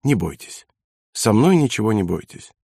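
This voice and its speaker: A man voicing a cautious, smooth German colonel who talks quietly and confidingly. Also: mid-range voice, a little fast, no room sound, clean studio sound, lightly acted.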